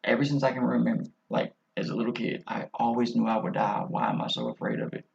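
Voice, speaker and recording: A man's voice: mid-range voice, very animated, fast, vocal fry. A man hosting a podcast, telling a personal story in a candid, casual and profane way. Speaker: podcast host. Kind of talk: casual chat. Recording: slightly muffled audio.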